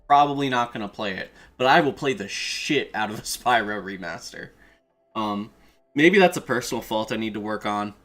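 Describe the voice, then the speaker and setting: A man's voice: lowish voice, lively intonation, moderate pace, a bit bright. A man chatting casually on a livestream as an enthusiastic fan, swearing now and then. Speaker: streamer, video creator. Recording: music playing behind the voice. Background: background music.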